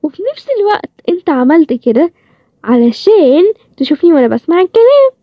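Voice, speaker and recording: A woman voicing a sharp-tongued young heroine with an Egyptian accent, in a bantering, higher-pitched way. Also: big pitch swings, quick pace, dry recording, muffled recording. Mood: playful. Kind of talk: storybook role-play series.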